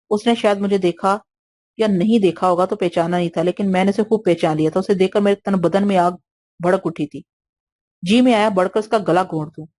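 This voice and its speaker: A woman's voice: mid-range voice, warm tone. Woman narrating an audio novel. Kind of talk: scripted narration.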